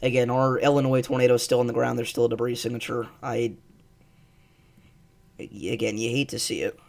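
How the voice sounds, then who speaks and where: A man hosting live severe weather coverage, speaking with urgent, emphatic and repeated pleas in a halting, distressed delivery. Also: mid-range voice, flat delivery, vocal fry. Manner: urgent, emphatic, repetitive pleading warnings. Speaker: live storm coverage host.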